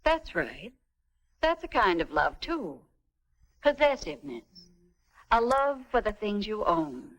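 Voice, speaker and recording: A wise, middle-aged American mother in a 1950s educational film. Her voice swings melodically as she patiently explains, with measured, stagy diction and a gentle temper. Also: medium pitch, sing-song, muffled recording. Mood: gently instructive.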